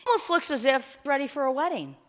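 A woman in her forties, a pastor giving a conversational sermon in a church, turning excited when she announces news. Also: sits high, fast talker. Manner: warm conversational preaching, rising to excited announcements. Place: church sanctuary. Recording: long hall reverb.

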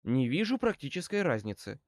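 A man's voice: medium pitch, big pitch swings, brisk, no room sound, clean studio sound. A man reading an audiobook and voicing a brassy, defiant female crook who snaps back with sneering retorts. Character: middle-aged female small-time crook, brassy and defiant.

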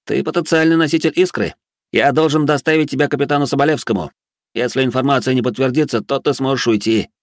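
A man doing an eerily calm young cadet. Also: mid-range voice, fast, no room sound, studio quality, pitched above the performer's own voice, natural voice. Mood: firm. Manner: calm, flat, detached. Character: calm young male cadet with uncanny powers. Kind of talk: audiobook character voice.

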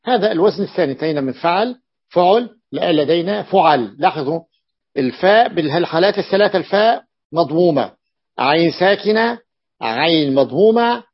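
A man's voice: a little high, lively intonation, normal speed, slightly rough, dull audio. A man teaching Arabic morphology to a class, explaining a classical text, repeating each example and checking that students follow.

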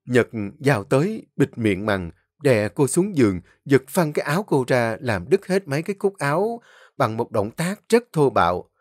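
A man's voice: medium pitch, sing-song, moderate pace, a little mellow, dry recording, studio quality. A man narrating a dramatic story vividly.

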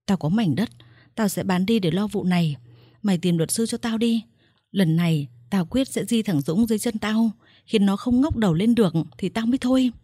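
A woman's voice: medium pitch, moderate pace, slightly rough, dry recording, studio quality, lightly acted. A woman voicing a young mother who has been tricked out of her baby, raging and sobbing. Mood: bitter, vengeful. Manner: shouting, sobbing, vengeful. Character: furious young mother, wronged mistress.

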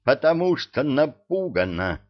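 A man voicing a gruff, decisive father who gives orders in an audiobook. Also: on the low side, wildly swooping pitch, slow, dull audio, full character voice. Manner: gruff, commanding.

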